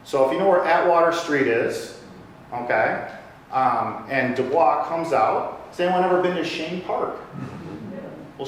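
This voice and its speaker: A man with a slightly high voice gives a relaxed, joking public lecture on local brewing history, chatting with a live audience in a lecture room. He is off mic and sounds distant, with room echo and faint hiss.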